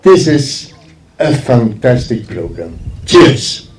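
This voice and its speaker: As a guest at a ceremony, a speaker from a forestry organisation gives an informal public speech, emphatic and repeating phrases for effect. His mid-range voice is very animated but slow, and the speech is heard echoey and from far off against a noisy background.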